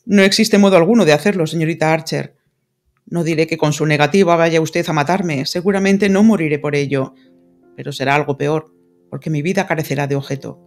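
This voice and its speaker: A woman voicing an earnest, lovesick English lord in an audiobook, speaking formally and pleading gravely. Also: deep voice, fairly even intonation, brisk, faint music behind. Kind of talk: audiobook character reading.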